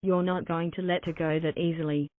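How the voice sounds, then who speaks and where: A synthetic female voice narrating a text adventure story in an even, mechanical way. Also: mid-range voice, fairly quick, dry recording. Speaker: narrator of the game's generated story. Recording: thin, phone-like dry synthetic audio.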